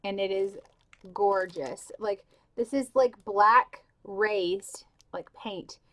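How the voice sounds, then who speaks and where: A woman's voice: mid-range voice, takes it slowly, a bit bright. A young woman talking casually to camera about book covers, gushing, with lots of "like" and "um", with the hiccups. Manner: gushing, filler-heavy, with many "like" and "um". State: has the hiccups. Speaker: book vlogger.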